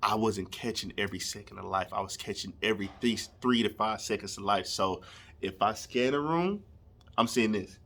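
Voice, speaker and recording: A man's voice: on the low side, normal speed, a bit bright. A young man, telling a comedic story casually and animatedly, laughing and acting out scenes. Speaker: storyteller vlogger.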